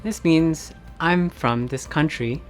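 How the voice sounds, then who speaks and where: An American man in a beginner English lesson, speaking deliberately and encouraging learners to repeat simple phrases. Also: on the high side, soft background music. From United States. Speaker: English teacher. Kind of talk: slow, clear beginner language lesson.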